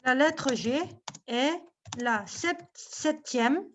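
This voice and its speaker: Woman teacher with a high voice, slow and patient, on dull video-call audio. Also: lively intonation, slight background noise. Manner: slow, patient, repeats "ok?" after each point. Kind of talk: online class lesson.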